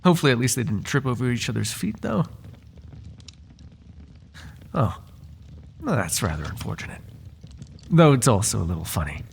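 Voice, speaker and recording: Playing a noble's devoted, flirtatious butler who loves gossip, a man performs an intimate ASMR roleplay full of formal, genteel phrases and playful teasing, his mood curious and gossipy. His medium-pitched voice is gravelly and sing-song at normal speed, he pauses often, and there's slight background noise.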